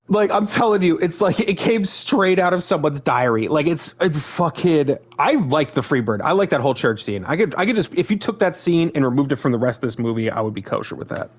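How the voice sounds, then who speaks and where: A man's voice: fairly high pitch, a little fast, few pauses, husky. A man on a casual movie podcast, ranting and swearing freely. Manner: animated, profane ranting. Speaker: podcast co-host. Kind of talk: casual movie review chat.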